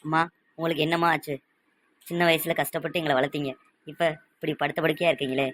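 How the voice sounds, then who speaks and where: Someone doing the grown-up older son, earnest and emotional, talks fast. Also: medium pitch, steady tone, fairly bright tone, a little hiss or hum, close to an everyday voice. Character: devoted elder son, adult.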